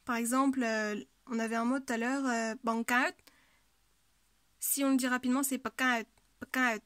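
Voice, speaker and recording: A woman's voice: fairly high pitch, little pitch movement, normal speed, no echo, studio quality. A woman teaching a language lesson, patiently explaining pronunciation rules and repeating example words, with frequent hesitations.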